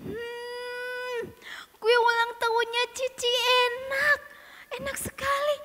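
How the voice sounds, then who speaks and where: A woman voicing a curious, mischievous little younger sibling who talks in a slow, pleading childlike way. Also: very high voice, little pitch movement, sharp tone, long reverb tail, a little hiss or hum, voice pushed up, heavily acted. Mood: sneaky.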